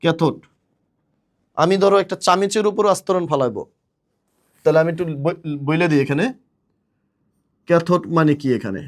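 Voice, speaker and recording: A man's voice: a little high, animated, moderate pace, pauses often. A man teaching chemistry, asking his students questions and then answering them himself. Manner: chants a mnemonic rhyme in a sing-song voice. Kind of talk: classroom lecture.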